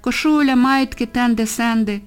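A woman voicing a burly, unhurried male policeman. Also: fairly high pitch, clear, resonant tone, voice pushed up, close to an everyday voice. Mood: commanding. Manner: unhurried, curt orders. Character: burly male night policeman, calm and commanding.

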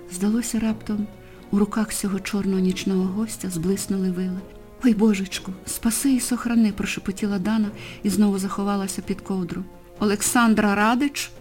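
A woman narrates a story with lively, expressive phrasing and a mellow, unbright voice at an ordinary pitch. Faint music plays softly behind her. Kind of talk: audiobook narration.

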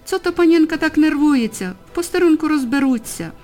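A woman voicing a burly male police officer who gives calm, curt, commanding orders in a storybook reading. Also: sits high, a little fast, voice pushed up.

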